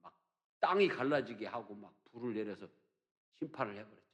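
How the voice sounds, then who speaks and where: A man's voice: on the low side, animated, brisk, fairly bright tone. An older man preaching a sermon as pastor, telling stories and acting out children's teasing, with emphatic rises on key points. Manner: storytelling, acting out children's teasing in a sing-song voice. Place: church sanctuary.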